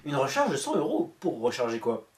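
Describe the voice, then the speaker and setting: A woman reads a scam conversation aloud with comic asides, her pitch swinging widely from line to line. She slips in and out of mock voices and drops casual swear words. The tone is sarcastic throughout. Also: wildly swooping pitch, brisk, very noisy. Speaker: YouTuber.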